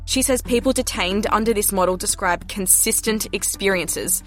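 A woman's voice: medium pitch, moderate pace, a bit bright, soft background music. Woman reading scripted news. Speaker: news reporter.

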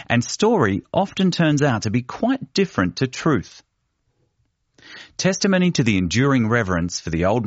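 A man narrates a written feature in a measured, deliberate way, his low voice rising and falling widely. The recording is dry and close, with a slightly dull, muffled tone. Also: dry recording. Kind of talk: scripted narration of a feature article. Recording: dull, muffled studio read.

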